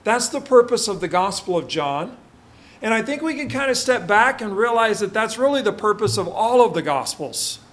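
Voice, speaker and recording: A man's voice: high voice, very animated, moderate pace, fairly bright tone. A male pastor preaching a sermon at a pulpit microphone in a church, reading scripture and then explaining it with frequent "uh" fillers.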